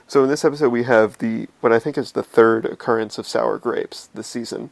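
A man's voice: medium pitch, steady tone, fairly quick, gravelly. A man co-hosting a casual TV recap chat, making dry, wry remarks. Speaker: podcast co-host.

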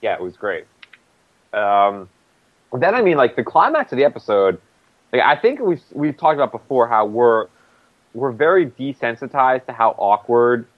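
A man's voice: mid-range voice, very animated, normal speed, no echo, phone-quality sound. A man co-hosting a casual TV recap chat, talking loosely with lots of "like" fillers. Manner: loose and rambling, many "like" fillers. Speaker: podcast co-host.

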